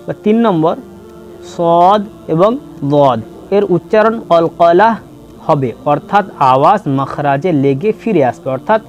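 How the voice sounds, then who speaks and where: A man teaching letter pronunciation in a slow lesson, patiently repeating and drawing out each sound for students to follow. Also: high-pitched, a little mellow. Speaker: Quran reading teacher. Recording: dull lo-fi with faint music.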